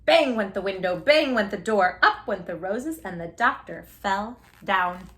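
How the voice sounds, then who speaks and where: In a measured, expressive mid-range voice, a woman reads a picture book aloud at a children's storytime. She talks effusively and directly to the young listeners.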